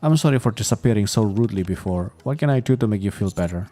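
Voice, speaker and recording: A man's voice: on the low side, lively intonation, fast, warm tone, lightly acted. A man reading a clingy, frantically apologetic young woman. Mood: pleading. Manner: frantic, pleading, apologizing over and over.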